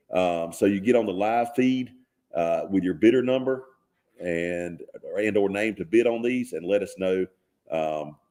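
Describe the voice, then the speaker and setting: A man's voice: low-pitched, mellow. A man with a Southern US accent hosting a live charity auction on the radio, folksy and upbeat as he calls out bids.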